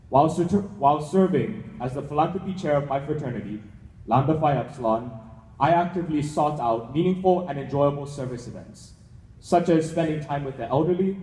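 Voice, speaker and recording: A man's voice: medium pitch, warm tone. Young Hawaiian-accented man, echoey hall speech. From Hawaii, United States. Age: young adult. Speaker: student scholarship winner giving a speech. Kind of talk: prepared formal speech. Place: large indoor event hall. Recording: echoey hall with long reverb.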